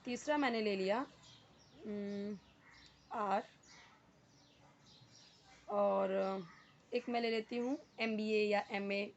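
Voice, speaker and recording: A woman's voice: medium pitch, fairly even intonation, slow pace, long pauses, slight background noise. A woman English teacher, patiently explaining grammar step by step, repeating words and asking the viewer questions. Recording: dull lo-fi sound.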